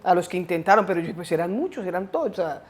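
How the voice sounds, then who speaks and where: Brief: middle-aged woman, slightly low voice, halting storyteller in a family chat. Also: animated. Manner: hesitant, halting storytelling with restarts. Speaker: interviewee, mother of the host. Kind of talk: family conversation, recounting memories.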